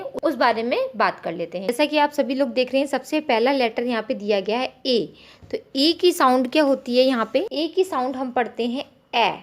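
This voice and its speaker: A woman with an Indian accent teaching phonics to parents, repeating each letter sound slowly and clearly. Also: sits high.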